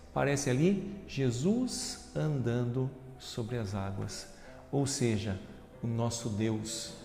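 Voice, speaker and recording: A man with a Brazilian Portuguese accent, a deacon reading the Gospel and preaching earnestly, calling his listeners brothers and sisters, moving between hushed reflection and loud emphatic passages. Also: mid-range voice, vocal fry. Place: large church sanctuary. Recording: roomy church reverb with soft music.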